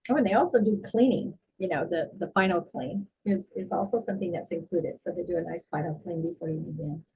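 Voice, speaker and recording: A woman with a mellow, dark tone sounds set back from the microphone, with clear noise around her. She co-hosts a house tour casually, relaying questions in somewhat halting phrases. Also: on the low side. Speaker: co-host relaying viewer questions. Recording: distant mic with clear background noise.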